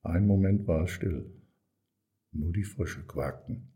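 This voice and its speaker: A man reading a children's story aloud as narrator, calm and measured. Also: low-pitched.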